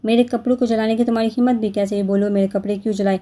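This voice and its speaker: A fiery young woman in an audiobook-style romance reading, performed by a female narrator. She talks slowly and pointedly in a slightly raised voice, with a very dark, mellow tone and little melody. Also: mid-range voice, steady tone, lightly acted. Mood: angry. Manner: angry, clipped, slow emphatic delivery. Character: fiery young woman, proud and quick-tempered.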